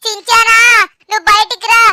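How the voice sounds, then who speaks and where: A woman's voice: very high-pitched, completely flat delivery, brisk, pushed and bright, heavily acted. A woman voicing Doraemon, the childlike robot cat, whining and complaining in a fan dub. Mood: accusing.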